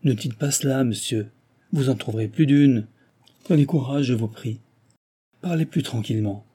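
A man's voice: medium pitch, moderate pace, mellow, breathy edge, close to an everyday voice. A man voicing a young, earnest and compassionate heiress who speaks urgently. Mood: imploring.

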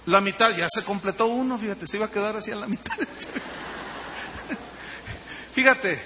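A man preaching a sermon as pastor, telling stories in an animated way and acting out the dialogue. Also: high voice, measured pace. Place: church hall. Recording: reverberant hall with faint noise.

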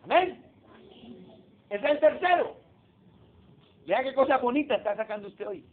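A man's voice: extremely high pitch, lively intonation, normal speed. A man preaching a sermon in a conversational way, often putting questions to his listeners. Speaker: pastor. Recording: tinny phone-like recording with faint noise.

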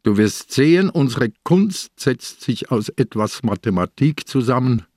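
A shrewd old police inspector. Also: male voice, mid-range voice, lively intonation, darkish tone, no room sound, clean studio sound. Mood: reasoning. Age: older. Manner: measured, reasoning aloud. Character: aging shrewd police inspector, calm and probing. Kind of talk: radio play acting.

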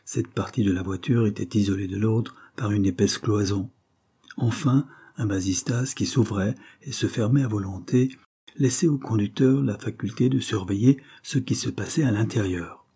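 Male audiobook narrator: low, dark, husky, steady. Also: moderate pace. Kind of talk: scripted narration of a novel.

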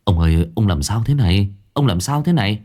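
A man's voice: lowish voice, lively intonation, a little fast, dark tone. A man voicing an anxious young male household servant who stammers and pleads with his master. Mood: worried.

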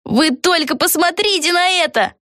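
A woman's voice: very high-pitched, moderate pace, dry recording, studio quality, voice pushed up. A woman voicing a bold, impulsive young girl witch in a storybook, talking in a raised girlish voice with emphatic exclamations. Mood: eager. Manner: emphatic, lively.

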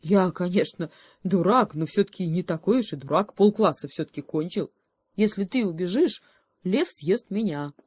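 A woman voicing a dim, self-important male donkey in a storybook, blustering loudly. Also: fairly low pitch, animated, normal speed, breathy edge, no room sound.

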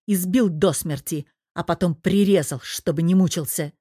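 A woman's voice: on the low side, level tone, moderate pace, darkish tone, no echo, studio quality, natural voice. A woman voicing a cold, menacing young male crime boss, speaking in clipped, curt phrases. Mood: angry.

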